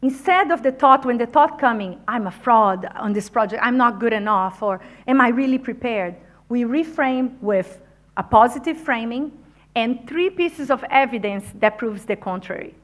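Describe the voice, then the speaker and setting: At a conference venue, a woman who isn't a native English speaker gives an energetic, encouraging motivational talk, addressing the audience directly. Her voice is fairly high-pitched and her pace is normal.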